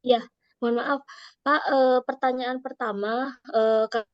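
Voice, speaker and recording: A woman's voice: fairly high pitch, steady tone, takes it slowly, no room sound. Woman on a choppy, breaking-up call line. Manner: polite, deferential. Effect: choppy audio breaking up over a weak call connection. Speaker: student asking a question. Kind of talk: polite questions in an online class. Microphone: video call. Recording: dull, dry online call audio.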